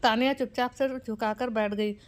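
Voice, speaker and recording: Narrator: woman, fairly high voice, scripted story reading. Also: fairly even intonation, normal speed. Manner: reads dialogue of every character in her own voice.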